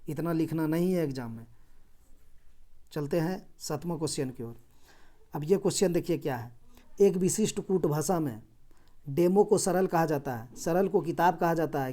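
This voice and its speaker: A man teaches reasoning questions for competitive exams in a calm lesson. His voice is dark and mellow, and he explains patiently, asking questions and answering them himself. He repeats his points, and his loudness rises and drops as he explains. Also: on the high side. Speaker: exam coaching teacher.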